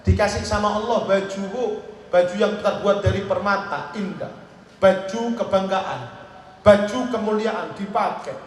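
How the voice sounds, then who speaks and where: A man's voice: high-pitched, a little slow. A male preacher voicing a serene, grateful woman in paradise during a comic sermon. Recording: echoey loudspeaker sound from far off.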